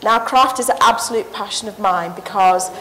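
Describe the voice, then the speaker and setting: A woman's voice: medium pitch, moderate pace, fairly bright tone, a little hiss or hum, poor audio. A woman, giving an earnest, passionate conference talk into a handheld mic on a stage. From Sri Lanka. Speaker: conference paper presenter. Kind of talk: conference presentation.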